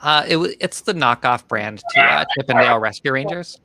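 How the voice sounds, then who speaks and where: A man's voice: mid-range voice, expressive, fairly quick, sharp tone. A man co-hosting a casual soccer watch party, chatting and joking with friends. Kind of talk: casual chat.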